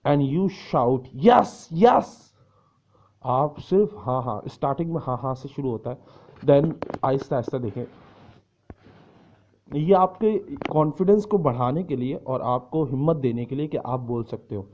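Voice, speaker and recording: A man teaching English who speaks slow, careful English lines and then explains them quickly, sometimes acting out the shouted answers. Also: medium pitch, slight background noise. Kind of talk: explaining in a lesson, switching between slow English lines and fast Urdu explanation. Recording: dull lo-fi recording.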